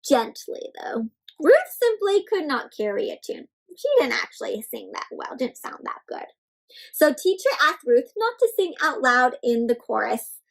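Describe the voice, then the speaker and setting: Reading a picture book to kids, this woman speaks in a high, creaky voice at a measured pace. As a read-aloud host she's expressive and interactive, emphasizing words and offering young listeners simple questions and explanations. The audio is poor.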